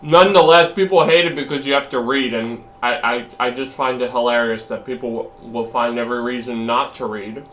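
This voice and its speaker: A man's voice: mid-range voice, fairly quick, hardly any pauses, a bit bright, slight background noise. A man streaming, arguing casually and emphatically with a friend and swearing freely.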